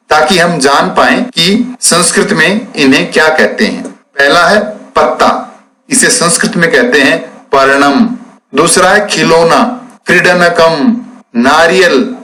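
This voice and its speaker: A man teaching a classroom lesson, explaining textbook exercises slowly and spelling out words syllable by syllable. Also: a little high, sharp tone, rough recording.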